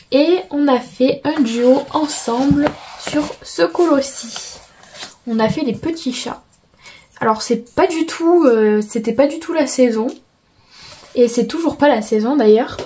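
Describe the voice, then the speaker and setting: A woman's voice: a little high, dark tone, low-quality recording. A woman from France chatting casually about her finished coloring pages, hesitant with many fillers and self-corrections. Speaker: coloring book vlogger. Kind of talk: casual show-and-tell chat.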